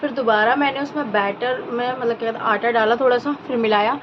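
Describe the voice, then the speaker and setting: Woman in her 30s doing a home vlog, kinda high voice, muffled phone sound, noisy background, chatty. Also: steady tone, quick pace. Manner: chatty, laughs often, narrates her chores. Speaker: vlogger. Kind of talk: casual home vlog chat. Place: home, kitchen and a relative's house. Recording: muffled phone audio with clear background noise.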